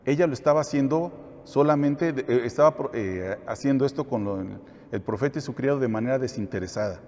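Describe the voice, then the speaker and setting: A man's voice: mid-range voice, fairly quick, darkish tone. A man teaching a Bible study, asking the listeners questions and then answering them himself. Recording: echoey hall, dull lo-fi sound.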